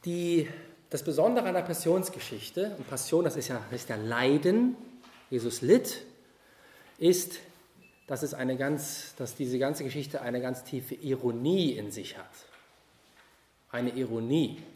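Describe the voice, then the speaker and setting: A man preaching a sermon at a youth retreat, animated and addressing listeners directly with questions, moving between loud emphasis and quiet asides. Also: medium pitch, unhurried, reverberant.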